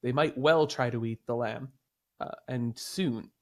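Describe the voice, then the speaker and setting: A man narrating a tabletop game as game master, describing scenes with frequent pauses. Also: mid-range voice, a little mellow.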